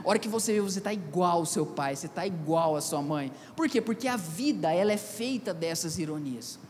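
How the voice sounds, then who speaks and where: A man's voice: high voice, expressive, a little fast, darkish tone, a little hiss or hum. A man preaching a sermon as pastor, mixing scripture reading with casual personal stories. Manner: conversational preaching with personal anecdotes. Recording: echoey hall, faint ambience.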